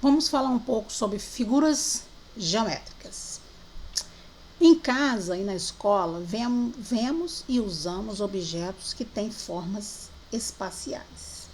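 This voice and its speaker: Woman teacher from Brazil, gravelly voice, slow drawn-out syllables, remote worksheet lesson for small kids, faint hiss behind. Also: mid-range voice, darkish tone.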